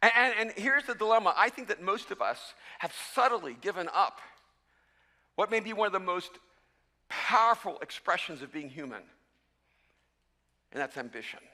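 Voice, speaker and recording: A man from El Salvador preaches with a very high, sharply bright voice that bounces into a long hall reverb. He is animated and self-mocking, and he often trips over his words and restarts. He sounds like a pastor in the middle of a sermon. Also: normal speed, pauses often.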